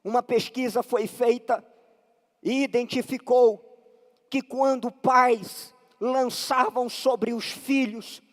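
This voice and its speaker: A man with a Brazilian Portuguese accent preaching a sermon while fighting a slight cold, building with passion toward shouted lines. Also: very high voice, steady tone, takes it slowly. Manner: impassioned preaching, rising to shouts. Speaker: pastor. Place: large church hall. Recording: long echo of a church hall.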